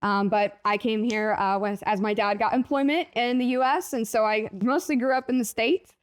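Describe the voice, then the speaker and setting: Woman, young adult, from Mexico, fairly high pitch, chatty, giggly, interview guest. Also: moderate pace. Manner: bubbly, chatty, giggly, filler-heavy. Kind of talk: casual interview.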